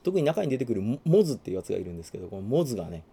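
A man talks quickly in a casual chat, his pitch swinging widely as he gets carried away. He keeps breaking into little acted-out lines for the characters he describes. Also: vocal fry, slightly rough. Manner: animated, acts out character lines in funny voices. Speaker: guest recommending a manga.

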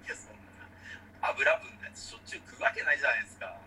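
Lively Osaka-raised man chatting. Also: mid-range voice, racing, a crowd in the background, low-quality recording. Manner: lively, animated storytelling with laughs. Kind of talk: casual chat.

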